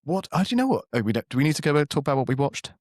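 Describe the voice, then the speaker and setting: A man's voice: on the high side, sing-song, very fast, a little mellow, dry recording, studio quality. A man co-hosting a podcast in casual, self-mocking, playful banter. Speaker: podcast co-host. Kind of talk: casual chat.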